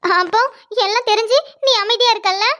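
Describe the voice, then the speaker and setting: A tearful younger sister from a cartoon. Her voice is very high-pitched, and she pleads as she talks. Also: fairly even intonation, brisk, pushed and bright. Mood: upset. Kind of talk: cartoon voice acting.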